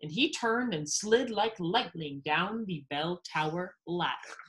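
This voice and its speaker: A woman's voice: lowish voice, a little slow, fairly bright tone. A woman host on a video call, reading a children's story expressively, then chatting about a simple kids' science activity.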